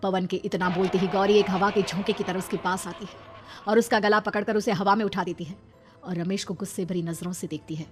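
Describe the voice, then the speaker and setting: A woman tells a horror cartoon story with dramatic narration at a mid pitch. Clear music plays behind her throughout. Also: fairly even intonation, brisk.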